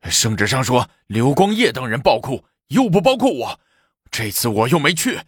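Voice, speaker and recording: A man's voice: mid-range voice, very animated, moderate pace, husky, dry recording, clean studio sound, pitched above the performer's own voice. A man doing a whiny official dodging blame. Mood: protesting.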